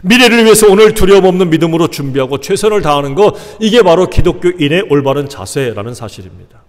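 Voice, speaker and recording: A male pastor preaching a sermon, animated, asking the congregation rhetorical questions and acting out quoted lines. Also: a little high, fast. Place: church sanctuary. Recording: long church reverb.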